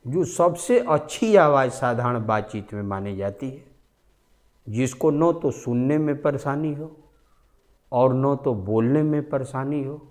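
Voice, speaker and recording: A man teaching a science class, repeating each key number and phrase slowly and carefully. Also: mid-range voice, expressive, a little mellow. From India. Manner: slow, repetitive, stresses key numbers.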